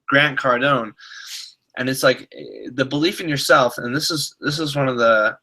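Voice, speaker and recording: An online marketing coach gives a pep talk over a video call, his stuffed-up nose making his medium-pitched voice sound slightly nasal. He speaks at a normal speed with a pushed, bright delivery, repeating himself and often restarting sentences. The recording quality is low.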